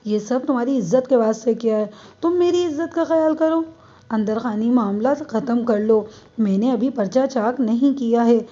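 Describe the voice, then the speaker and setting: A woman voicing a stern, patient male police inspector who speaks in a measured, firm way. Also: fairly high pitch, warm tone, natural voice. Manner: measured, firm, rising to commanding. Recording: dull lo-fi.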